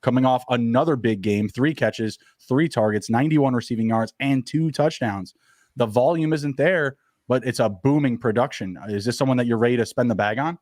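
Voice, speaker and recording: A man co-hosting a casual fantasy football podcast, rattling off stats quickly with plenty of fillers. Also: medium pitch, a little mellow, no room sound, clean studio sound. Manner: quick, upbeat, stat-heavy talk with fillers. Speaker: podcast co-host.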